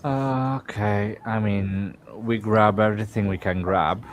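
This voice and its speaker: A man taking part in a tabletop game session, talking in a loose, casual way with plenty of swearing. His voice is fairly low, and a faint hiss sits under it. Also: steady tone, measured pace. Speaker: player.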